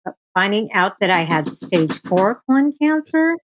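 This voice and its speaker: A woman in her forties, a guest on a live stream, telling a personal story in a halting, emotional way with many fillers and restarts. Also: medium pitch, sing-song, low-quality recording. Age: 40s.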